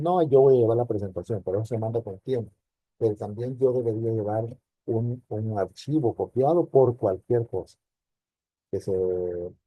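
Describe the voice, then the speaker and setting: A man's voice: on the low side, no echo, dull audio. A man teaching a university class, explaining step by step and checking in with rhetorical questions. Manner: explanatory, addresses students directly with rhetorical questions. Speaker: university lecturer. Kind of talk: recorded online class lecture.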